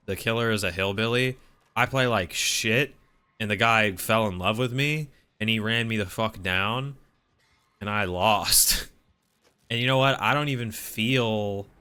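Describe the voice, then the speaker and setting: Male gaming commentator, smooth and crisp low register, opinionated complainer, rambling casually with plenty of cursing. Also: sharp tone. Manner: grumbling, opinionated complaining with frequent swearing. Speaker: gaming video creator. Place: voice-over on gameplay footage.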